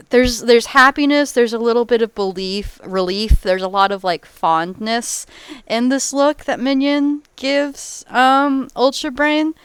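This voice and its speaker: Slow, smooth-voiced woman game master. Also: a little high, no room sound. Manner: rambling, filler-heavy, giggly. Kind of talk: narrating a tabletop game.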